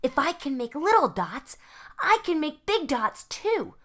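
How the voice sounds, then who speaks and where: Woman acting a bold, high-pitched young schoolgirl. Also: very animated, unhurried, fairly bright tone, exaggerated voice. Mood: determined. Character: frustrated, bold young schoolgirl who loves painting.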